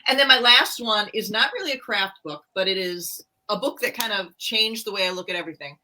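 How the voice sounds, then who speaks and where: A middle-aged romance author and co-host chats candidly, with a touch of self-deprecation, about writing books in a casual book chat. Her voice is medium-pitched and sharp-toned, she speaks fairly quickly, and the audio quality is poor.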